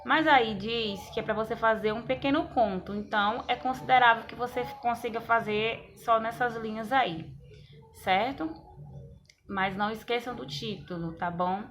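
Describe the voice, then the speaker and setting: A woman teaching a lesson in a bright, ringing voice pitched a little high. She walks through each exercise step by step and keeps checking in with her students. A faint hum sits behind her. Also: moderate pace. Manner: step-by-step explaining, constant check-ins with students. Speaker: school teacher. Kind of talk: recorded class lesson.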